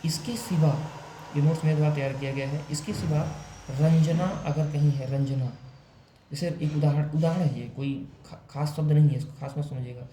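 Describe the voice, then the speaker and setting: A man's voice: fairly high pitch, steady tone, warm tone, a little hiss or hum. A man teaching in an echoey room. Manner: explains step by step with frequent "ठीक है" check-ins; self-correcting, drawn-out examples. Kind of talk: explanatory lesson on poetic meter.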